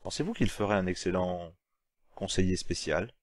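Scheming space president, mocking and commanding, low voice, dry close read by a man. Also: normal speed, no room sound, natural voice.

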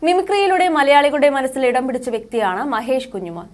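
A woman narrating a scripted entertainment news report in a steady, formal read-out manner. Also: sits high, fast talker. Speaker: news reader.

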